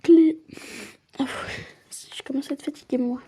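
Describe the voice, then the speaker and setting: A woman reads a story game aloud, moving easily between first-person narration and chatty side comments. Her voice is high but very mellow and warm, with no edge to it. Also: fairly even intonation, moderate pace. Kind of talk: casual playthrough with read-aloud narration.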